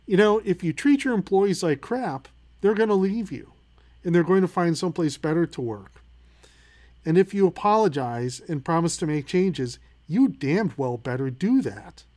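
A middle-aged man with a fairly high voice reads out headlines and then riffs on them in a loose, opinionated way. He stops and restarts often, leans on fillers, and works himself up as he talks. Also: a little mellow. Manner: opinionated, gets worked up, many fillers. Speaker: podcast host. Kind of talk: casual news commentary.

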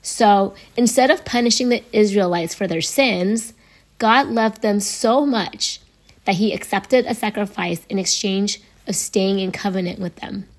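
A young adult woman hosting a faith podcast, her voice hoarse and raspy from laryngitis, talking in an earnest, conversational way. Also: mid-range voice, a little slow. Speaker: podcast host.

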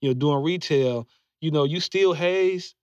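A man's voice: fairly high pitch, a little slow, a little mellow, clear, resonant tone, no room sound. A man in his forties in casual podcast chat, talking loosely with many fillers and restarts while giving earnest advice. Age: 40s. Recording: dull, slightly muffled dry recording.

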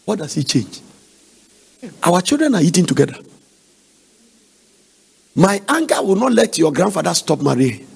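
A man voicing a calm old grandmother giving plain advice. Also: high-pitched, moderate pace, vocal fry, pauses often, slightly rough, heavily acted. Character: wise old Nigerian grandmother, calm and patient.

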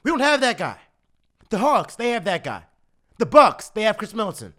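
Huge pitch swings mark this man's high, fairly bright voice as he rants at moderate pace about his team. A sports fan hoarse from cheering, he delivers heated, exasperated commentary to camera and keeps repeating himself.

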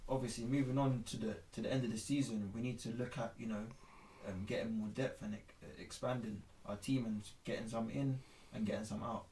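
A man's voice: medium pitch, fairly even intonation, brisk, warm tone, far from the mic. Man in an echoey room. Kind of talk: casual football discussion. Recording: echoey room, off-mic, faint noise.

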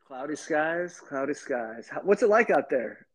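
A man with a high-pitched voice co-hosts a loose, casual podcast. He talks slowly and jokes around. Every so often he sings short snippets of songs for a quiz. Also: animated. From lives somewhere hot. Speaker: podcast co-host. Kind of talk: casual chat.

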